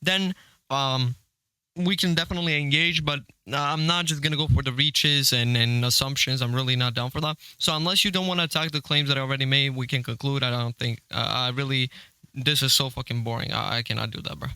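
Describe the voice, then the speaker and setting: A man's voice: medium pitch, steady tone, brisk, bright, forceful tone, clean tone, dry recording, poor audio. A young man arguing his points in a casual online debate on a voice call, dismissive and insistent. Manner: argumentative, dismissive.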